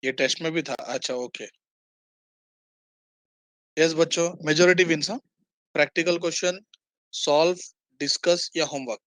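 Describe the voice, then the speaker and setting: A man's voice: a little high, steady tone, moderate pace, long pauses, fairly bright tone, no room sound. A man teaching an online accounting class, quizzing students and mixing English terms into his Hindi.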